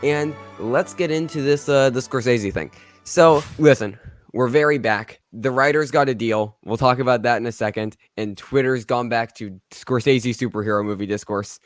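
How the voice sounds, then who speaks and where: A man's voice: medium pitch, normal speed, dry recording, faint music behind. A man co-hosting a casual film news podcast, rambling and sarcastic, often restarting his sentences. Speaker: podcast co-host.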